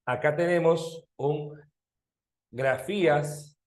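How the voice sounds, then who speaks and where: Male teacher, high lively voice, keeps quizzing students; echoey room. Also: drawn-out words. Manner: lively, questioning students often, animated. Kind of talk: online exam-prep language class.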